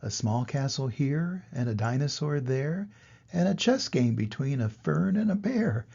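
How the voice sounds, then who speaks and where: Gravelly, animated grandpa voice reading a story. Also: male voice, mid-range voice, unhurried, highs cut off. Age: older. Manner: grandpa voice, expressive delivery to little children. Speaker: grandfather reading a children's book aloud. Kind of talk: storytelling read-aloud for young children.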